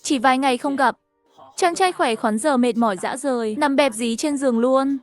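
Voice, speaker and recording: A woman tells a cartoon story in a brisk, chatty way. Her voice sits high, and soft music plays quietly underneath. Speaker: narrator. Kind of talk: dubbed cartoon story narration. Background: faint music.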